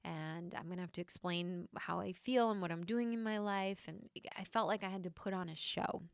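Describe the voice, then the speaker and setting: A young adult woman, a podcast host and healer, tells a personal story in a soft, reflective, hesitant way, with frequent fillers. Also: lowish voice, normal speed, vocal fry, clear, resonant tone, no room sound, clean studio sound.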